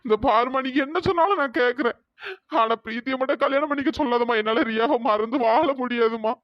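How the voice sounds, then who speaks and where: A voice actor playing a desperate young husband in a cartoon drama, pleading and wailing in a pitch-raised voice. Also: fast, no room sound, muffled recording.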